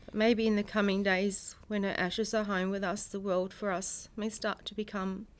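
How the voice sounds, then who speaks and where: A middle-aged woman, a bereaved mother reading a prepared personal statement in a solemn, measured way, in grief. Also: mid-range voice, little pitch movement. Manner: solemn, measured delivery in short phrases. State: grieving.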